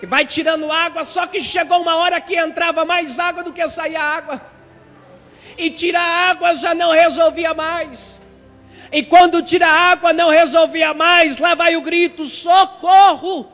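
A man preaching a passionate, repetitive sermon that often rises to shouting. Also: very high voice, flat delivery, moderate pace, long reverb tail, soft background music.

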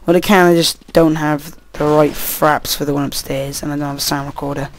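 A tired young man talks through a shooter match in a slightly high voice, rambling and easily sidetracked, cursing whenever the game goes wrong. He is recorded at home on a computer mic with a faint hiss underneath. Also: little pitch movement, brisk. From Wales. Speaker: gameplay commentator. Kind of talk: casual gameplay commentary.

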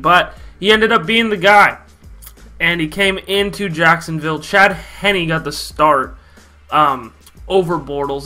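A man's voice: a little high, bright, forceful tone. A young man hosting a casual sports vlog, talking loosely with lots of fillers. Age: young adult.

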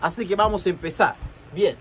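A man teaching a beginner language lesson, repeating each word several times slowly, a native Spanish speaker. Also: high voice, a bit bright, slight background noise, low-quality recording. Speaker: English teacher.

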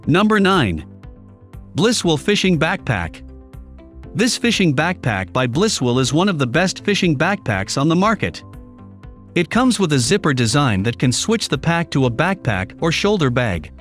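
A man narrating a scripted product review voice-over, reading lists of features in an even, advertising tone. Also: fairly high pitch, moderate pace. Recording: faint background music under the voice.

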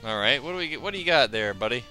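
A man's voice: mid-range voice, expressive, racing, pushed and bright. A man giving casual Let's Play commentary with joking, sarcastic asides. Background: game music.

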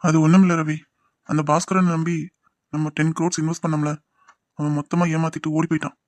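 A man's voice: fairly high pitch, little pitch movement, fast talker, dry recording, close to an everyday voice. A man voicing a middle-aged father and a doctor in a cartoon drama, speaking in a reassuring way. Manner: reassuring, mixes English words. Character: middle-aged father, calm, then worried over lost money.

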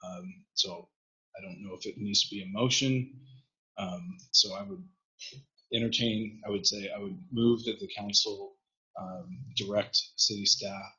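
Older councilman, bright and a little low, hesitant, muffled call line. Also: animated, unhurried. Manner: thinks aloud, hesitant. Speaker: council member. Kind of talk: making a motion at a council meeting. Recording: muffled video call audio.

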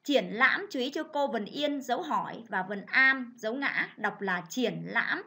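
A woman teacher leads a reading lesson for children. She reads in a clear, measured, instructive way. Her voice sits a little high. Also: pushed and bright. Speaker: primary school teacher.

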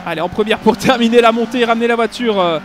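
Young male gaming host, very high voice, quick jokey rally play-by-play over faint music. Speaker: gaming YouTuber. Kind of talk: rally game commentary.

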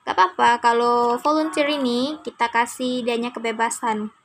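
A woman's voice: a little high, fairly even intonation, moderate pace, fairly bright tone. A young woman with an Indonesian accent teaching a class, encouraging her students and patiently correcting their pronunciation. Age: young adult.

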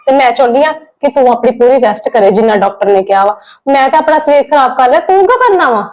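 A protective elder sister-in-law in a family drama, played by a woman. She talks fast and high, firm and insistent. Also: animated, darkish tone.

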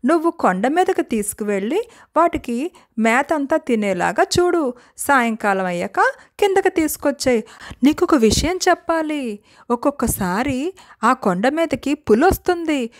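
A woman doing a strict farmer dad, firm scolding tone, high voice, children's story. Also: expressive, measured pace, dry recording, clean studio sound. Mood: instructing. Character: stern hardworking village father farmer.

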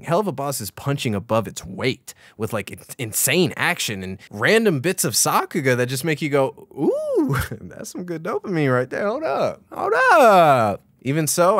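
A young man hosting a casual video review, excitable and swearing freely as he gives his opinions. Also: medium pitch, dry recording, clean studio sound. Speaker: YouTube reviewer.

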